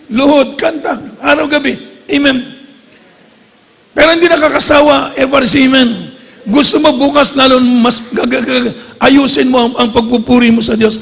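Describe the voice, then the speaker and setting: Fervent, gravelly preaching woman in a hall. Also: high-pitched. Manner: fervent, repeatedly calls for amens and applause; mixes English scripture lines into the preaching. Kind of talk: sermon. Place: church hall. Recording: long echo of a church hall.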